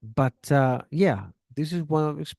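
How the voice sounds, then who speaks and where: A man talks in a relaxed, chatty way, like a teacher giving friendly advice. His voice is mellow and warm, recorded close and dry, with no room sound. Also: on the high side, measured pace, gravelly, no echo. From Chile. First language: Spanish. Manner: chatty, relaxed, gives friendly advice with acted-out example dialogues. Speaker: English teacher. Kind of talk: casual spoken lesson.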